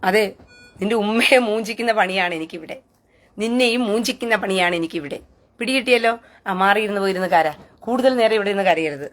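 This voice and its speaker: A woman's voice: medium pitch, quick pace. A woman hosting a live stream, taunting and scornful, who keeps asking jeering questions. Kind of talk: mocking live rant.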